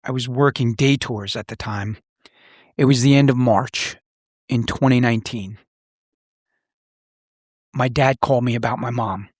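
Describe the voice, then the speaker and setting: A middle-aged man, formerly a police officer and now a podcast host, reflects on personal stories in serious, plain-spoken conversation. He speaks unhurriedly in a steady mid-range voice, leaving long pauses. The sound is clean studio audio with no room sound.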